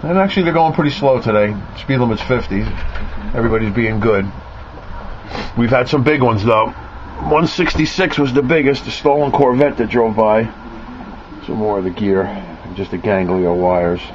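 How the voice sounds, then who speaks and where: At a moderate pace and in a mid-range voice, a man loosely walks through his radio hobby gear, bragging jokingly at his own expense. He's in a cluttered indoor garage and radio room, captured on a handheld camera's built-in mic, giving a muffled sound with clear noise.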